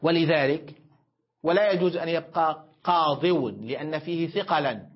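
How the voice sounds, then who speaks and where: A man teaching a grammar lesson, asking questions and answering them himself, stretching words out slowly as he explains each form. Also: a little high. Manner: explains step by step, asks and answers own questions; stretches words slowly when spelling out forms. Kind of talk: classroom lesson. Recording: dull lo-fi lecture recording.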